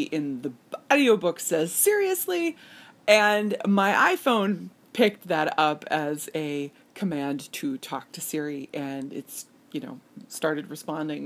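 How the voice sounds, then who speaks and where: A woman hosting a casual solo podcast, chatty and self-deprecating, who jumps up in pitch when she mimics voices. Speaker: podcast host.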